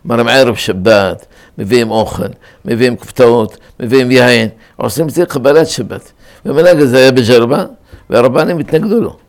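A man leads a Torah lesson at a steady, middle pitch. He stops to explain points of grammar and says the key words more than once. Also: creaky. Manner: explains Hebrew grammar, repeats words to stress them. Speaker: rabbi teaching Torah.

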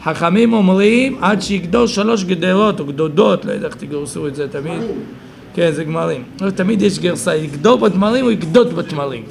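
A man's voice: high voice, creaky. A man teaching a Talmud study class, explaining the text aloud and thinking it through with self-corrections.

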